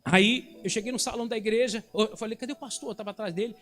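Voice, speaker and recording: A man with a Brazilian Portuguese accent preaching a sermon, telling stories and swinging between booming lines and hushed asides. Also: fairly even intonation, fast talker. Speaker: bishop preaching. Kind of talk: sermon with anecdotes.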